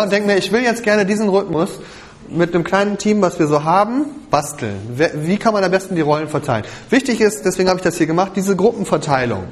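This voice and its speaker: A man leading a worship music workshop, explaining how to arrange songs for a band to a group. He thinks aloud, often checks in with "ja?" and hums the drum patterns. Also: high-pitched. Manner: keeps checking with "ja?" and vocalizes drum rhythms. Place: rehearsal or workshop room with a group.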